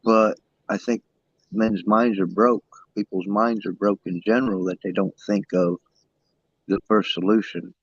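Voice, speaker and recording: Deep-voiced man on a fuzzy, distorted call. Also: fairly even intonation, measured pace, husky, dry recording. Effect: fuzzy distorted muffled call audio. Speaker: panel guest calling in. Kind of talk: casual chat. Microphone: phone resting on a pad. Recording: muffled, distorted lo-fi phone call.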